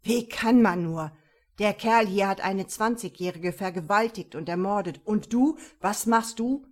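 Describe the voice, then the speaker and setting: A woman voicing a brash, aggressive male police officer in his forties who snaps and scolds loudly. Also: medium pitch, a little slow, close to an everyday voice. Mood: scolding. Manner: snappish and scolding, loud.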